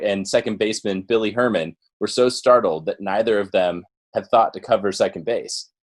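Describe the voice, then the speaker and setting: A low-pitched, old-timey baseball newsreader straight out of the 1940s, as a podcast host puts him on. He reads a period sports story aloud with theatrical, drawn-out emphasis. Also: lightly acted.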